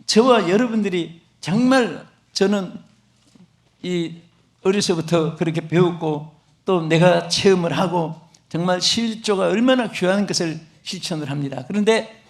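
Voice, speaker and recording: An older man preaching a sermon as pastor, dramatic and animated, acting out voices in his stories and calling out to the congregation. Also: high-pitched, a little slow. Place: large church sanctuary. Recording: echoey church hall.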